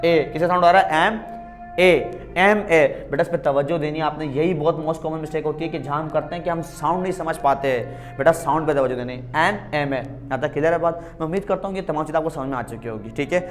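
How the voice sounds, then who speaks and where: A man's voice: on the high side, fairly quick, soft background music. A male teacher giving a grammar lesson on video, calling students "beta", asking questions and answering them himself, repeating key words. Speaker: English teacher.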